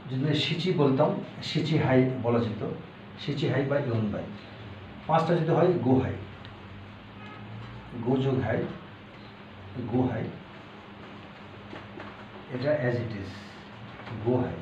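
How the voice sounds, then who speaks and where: A man teaching a language lesson, explaining step by step and repeating each word slowly, with fillers. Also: medium pitch, animated, a little mellow. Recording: echoey room, far from the mic, dull with faint hiss.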